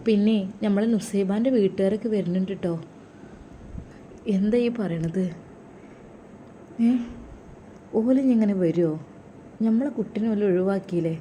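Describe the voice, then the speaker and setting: A woman's voice: mid-range voice, normal speed, pauses often, dark tone, a little hiss or hum, close to an everyday voice. A woman with a Malappuram accent voicing a worried, tearful older mother who speaks in a confiding way. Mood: anxious. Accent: Malappuram Malayalam. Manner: anxious, confiding. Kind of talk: storytelling role-play.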